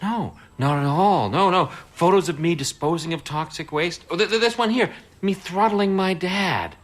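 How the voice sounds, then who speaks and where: A man's voice: high-pitched, moderate pace. A man playing a hapless, flustered social worker in a comedy series, often exasperated. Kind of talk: sitcom acting.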